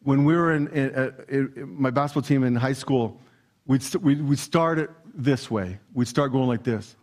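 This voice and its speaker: A man with a Canadian accent preaching a lively sermon in a church hall, playful and energetic as he talks straight to the congregation. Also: mid-range voice, normal speed. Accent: Canadian English. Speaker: pastor.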